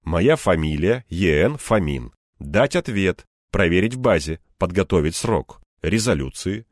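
Wry male audiobook narrator, low voice. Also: lively intonation, unhurried, dry recording, clean studio sound. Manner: wry, conversational storytelling. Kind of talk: first-person audiobook narration.

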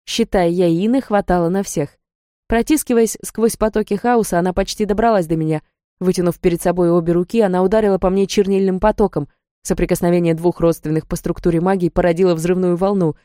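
A woman reads a first-person story aloud in a steady, even way. Her voice sits low with warm, mellow tones. The sound is dry and close to the mic. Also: dry recording. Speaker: audiobook narrator. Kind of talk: scripted first-person narration.

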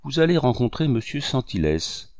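A man's voice: mid-range voice, very animated, normal speed, no echo, clean studio sound, pitched above the performer's own voice. A man reading aloud and voicing a polite, welcoming middle-aged male painter. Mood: matter-of-fact.

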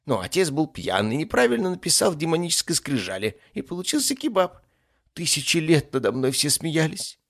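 A man's voice: fairly high pitch, wildly swooping pitch, brisk, creaky, a bit bright, pitched above the performer's own voice, exaggerated voice. A man voicing a small, whiny, cowardly young male demon who panics, pleads and whimpers. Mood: self-pitying.

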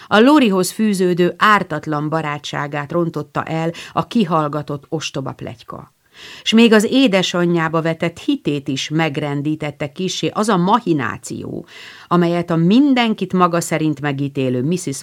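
A woman narrating a classic novel as an audiobook, measured and expressive. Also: low voice.

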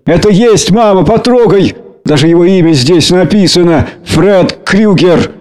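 A frightened, defiant teenage girl, put on by a man reading a story, pitched well above his own voice. She presses and pleads in urgent bursts. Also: unhurried, a little mellow.

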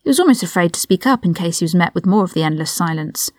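A woman narrating a story aloud in a steady, measured way. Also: on the low side, dry recording, clean studio sound. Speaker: podfic reader. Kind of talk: scripted narration.

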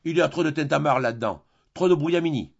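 A man's voice: on the high side, fast talker, gravelly, highs cut off. A man reading a blustering, naive bourgeois. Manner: blustering, easily amazed, hot-tempered. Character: naive, boastful middle-aged bourgeois man eager to learn. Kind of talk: audiobook reading of a classic play.

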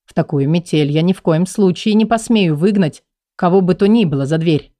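A stern king with a heavy, brooding manner, speaking slowly and low in an audiobook story, as a woman narrator puts him on. The tone is dark and mellow, and the sound is dry and close. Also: no room sound, lightly acted.

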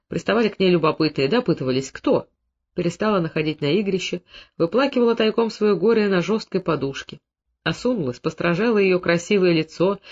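Brief: high male narrator, expressive audiobook read, muffled lo-fi sound. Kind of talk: audiobook reading. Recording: dull lo-fi recording.

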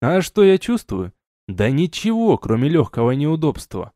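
A man reads a fantasy audiobook in the first person, wry and ironic. His voice is dark and mellow. The recording is dry and close. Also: a little high, big pitch swings, normal speed, no echo. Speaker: audiobook narrator.

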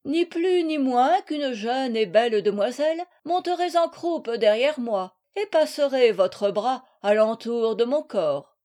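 A woman's voice: fairly high pitch, animated, unhurried, a little mellow. A woman reading a jovial gallant knight. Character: bold gallant male knight, jovial, teasing.

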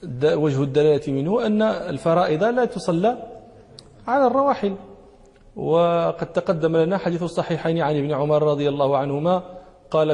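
A man's voice: fairly high pitch, mellow. A man teaching a classroom lesson, explaining a text, repeating key phrases and checking that listeners follow. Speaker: sheikh teaching hadith. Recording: long hall reverb.

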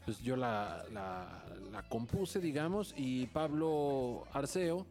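A man's voice: medium pitch, expressive, slow, darkish tone, soft background music. A man with a Mexican Spanish accent co-hosting a radio show, chatting casually in short slangy interjections. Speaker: radio co-host. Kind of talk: casual chat.

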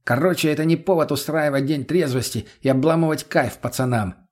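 A man's voice: a little high, fairly quick, a little mellow, natural voice. A man voicing a lazy, crude male drug addict who mumbles and sneers. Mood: smirking.

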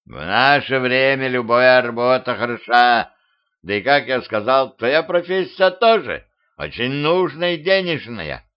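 A man voicing an old village cart driver who groans and grumbles in a drawn-out way, in a self-made audiobook. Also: medium pitch, animated, natural voice. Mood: grumbling. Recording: dull lo-fi home recording.

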